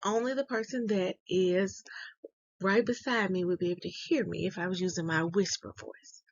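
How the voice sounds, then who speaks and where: A woman reading the morning announcements at a school, explaining rules slowly and deliberately to young students. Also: lowish voice, steady tone, lo-fi sound.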